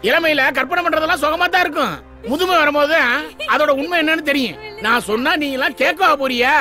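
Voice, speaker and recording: A sharp-tongued scolding auntie, high voice, rattles it off fast, film music behind. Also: female voice. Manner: scolding, lecturing. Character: scolding, worldly slum woman, sharp-tongued. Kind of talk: film dialogue. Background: film score music.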